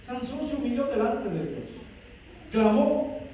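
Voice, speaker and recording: High-pitched preacher guy, fired up then hushed, recorded far off in a big echoey church. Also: lively intonation, a little slow. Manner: impassioned preaching, calls out "hermano", swings between loud and soft. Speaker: pastor. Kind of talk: sermon. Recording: echoey hall, distant mic, faint noise.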